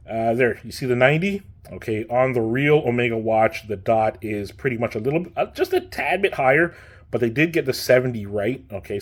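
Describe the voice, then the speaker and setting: A man giving a casual, chatty watch review, laid-back and talking straight to the viewer. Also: mid-range voice.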